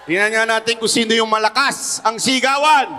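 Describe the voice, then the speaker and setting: A man, speaking at a rally. He jokes between lines and pushes the crowd to chant louder. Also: extremely high pitch, a little fast, big-room sound, slight background noise. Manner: hypes the crowd into chanting, jokey asides. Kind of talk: rally crowd-work speech.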